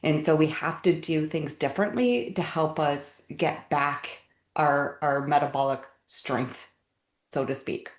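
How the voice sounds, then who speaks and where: A middle-aged woman with a low voice explains things step by step as an interview guest, often repeating words along the way. The recording has a roomy echo around her. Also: measured pace. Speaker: guest health expert. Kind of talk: casual explanatory talk. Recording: echoey room.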